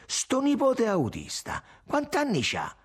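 A man's voice: very high voice, huge pitch swings, takes it slowly, breathy edge, pitched above the performer's own voice, exaggerated voice. Man voicing a jealous, menacing lover. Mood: angry, interrogating. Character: jealous, violent young Roman man, menacing. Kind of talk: audiobook character voice.

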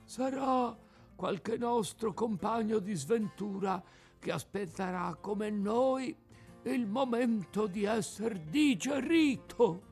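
A man's voice: high-pitched, expressive, slow, darkish tone, soft background music, voice pushed up, exaggerated voice. A man voicing a resigned, philosophical old male tuna with a cracked, out-of-tune voice, in an audiobook reading. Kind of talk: audiobook character voice.

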